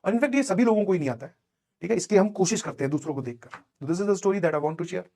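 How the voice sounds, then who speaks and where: A man's voice: high-pitched, lively intonation, fast talker, creaky, mellow. A young male teacher with an Indian accent, telling a motivational story to students in a conversational way, checking in often to see they follow. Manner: conversational, checks understanding with asides; mixes Hindi with English phrases.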